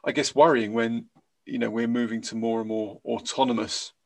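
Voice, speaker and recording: A man's voice: medium pitch, flat delivery, moderate pace, creaky. A man, co-hosting a casual news podcast, hesitant with many fillers. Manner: hesitant, many ums and uhs, trailing off softly. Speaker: podcast co-host.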